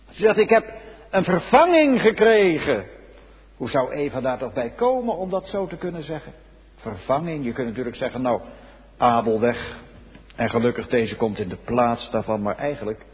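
Husky high-voiced preacher in a church. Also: male voice. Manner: solemn preaching, swinging between loud exclamations and hushed low passages. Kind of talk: sermon. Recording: dull lo-fi recording in a reverberant church.

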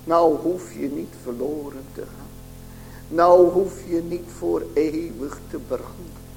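A male pastor preaching a slow, solemn sermon to his congregation, pleading and building to fervent exhortation. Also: fairly high pitch, creaky, darkish tone, soft background music, low-quality recording.

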